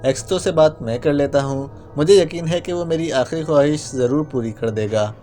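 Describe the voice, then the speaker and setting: A man's voice: a little high, warm tone, faint music behind, lightly acted. A man voicing a playful young male spy who talks in a mock-pitiful, whining way. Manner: whiny, mock-pitiful clowning.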